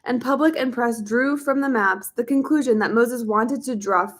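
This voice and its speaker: A woman reading a nonfiction book aloud at a steady pace, sometimes stumbling and repeating words and sometimes stopping for casual asides. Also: fairly high pitch, normal speed. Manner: reads steadily, now and then slipping and repeating words. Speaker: reader of a book.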